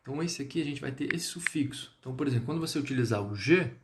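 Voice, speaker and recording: Brazilian guy teaching french live, patient, keeps checking in, mid pitch, echoey room. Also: lively intonation, very fast, noisy background. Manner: explains patiently, checks in with "tá?" and "beleza?". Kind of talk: live online lesson. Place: indoor room, livestream.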